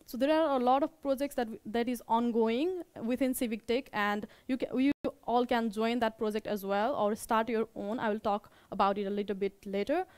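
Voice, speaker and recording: A young woman with a Nepali accent gives an informal meetup presentation as an organizer, in a halting way, often repeating and rephrasing her words. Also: fairly high pitch, fairly even intonation, darkish tone, clear, resonant tone, no room sound.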